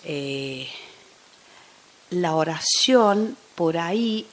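A woman guest, a teacher, talking through an interview in a thoughtful way and often dropping into soft near-whispers. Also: fairly low pitch, expressive, drawn-out words. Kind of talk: casual interview chat.

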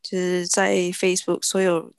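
A woman's voice: fairly low pitch, little pitch movement, normal speed, gravelly, clean tone, no echo, studio quality. A woman co-hosting a casual chat. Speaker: podcast co-host.

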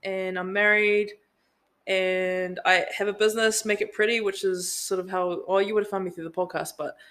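Bright-voiced New woman. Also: mid-range voice, normal speed. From New Zealand. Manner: relaxed storytelling with many fillers. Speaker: guest, event business owner. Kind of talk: casual podcast interview.

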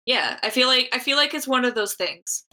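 A woman with a bright, forceful voice co-hosts a podcast in loose, casual chat. She rambles through her thoughts, stacking up "like" and restarting sentences as she jokes along. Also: a little high, lively intonation. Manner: rambling, heavy use of "like", quick jokes. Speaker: podcast co-host.

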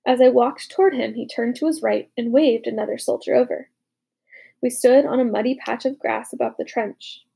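A woman narrating a war story as a young soldier, with dramatic, hushed, urgent delivery in the dialogue. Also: on the high side, steady tone, normal speed, gravelly, husky, heavily acted. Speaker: narrator voicing a boy soldier. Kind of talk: audiobook narration.

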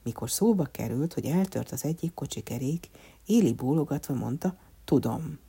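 A woman narrating a children's storybook in a measured, expressive way. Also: deep voice, gravelly, slightly rough.

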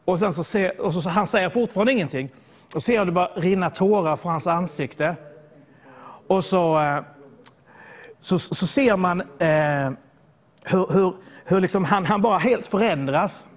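High-voiced man preaching a story sermon. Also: pauses often. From southern Sweden. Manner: storytelling, repeats words when searching.

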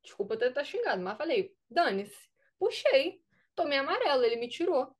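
A young woman from Brazil, a student athlete, recounting a story in a casual interview with lively quoted dialogue. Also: high voice, a little fast.

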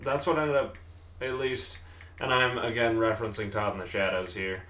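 A man's voice: on the low side, steady tone, normal speed, sharp tone, echoey room. A man co-hosting a casual chat who rambles, laughs often and trails off mid-sentence. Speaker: podcast co-host.

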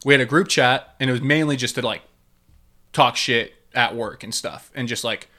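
Bright-voiced rambling guy telling stories. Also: mid-range voice, moderate pace. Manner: rambling storyteller, swears freely, lots of "like" and "dude". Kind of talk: casual chat.

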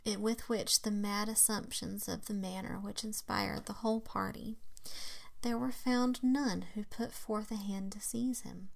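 A woman reading a classic tale aloud in a hushed, half-whispered voice, with slow, dramatic phrasing and occasional slips. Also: medium pitch, fairly even intonation, creaky. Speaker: reader.

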